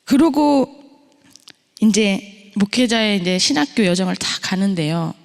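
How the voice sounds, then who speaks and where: A woman's voice: medium pitch, lively intonation, measured pace, vocal fry, darkish tone. A middle-aged woman preaching a testimony sermon in a church, telling her story and posing rhetorical questions to the congregation. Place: church sanctuary. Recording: long reverb of a church hall.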